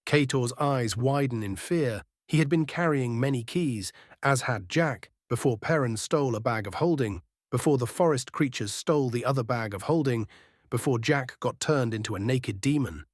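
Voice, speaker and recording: A man's voice: medium pitch, moderate pace, no room sound, studio quality. A man reading scripted fantasy narration as a storyteller.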